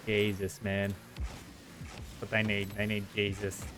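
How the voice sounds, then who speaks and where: A man's voice: lowish voice, completely flat delivery, slow pace, over music. An Australian man chatting casually on a livestream in blunt, sweary Aussie street slang. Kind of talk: casual livestream chat with viewers.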